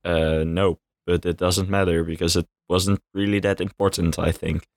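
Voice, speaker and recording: A man's voice: deep voice, little pitch movement, moderate pace, creaky, dry recording, clean studio sound. A man chatting with friends at home, hesitant, often stumbling and restarting. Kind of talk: casual chat among friends.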